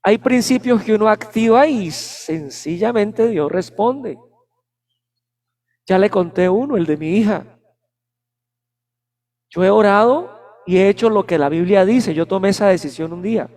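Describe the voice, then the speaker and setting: A male preacher delivers a sermon full of personal anecdotes. His voice sits high, and he acts out the moments he describes. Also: lively intonation, unhurried, pauses often, darkish tone. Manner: storytelling, dramatizing anecdotes. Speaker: pastor.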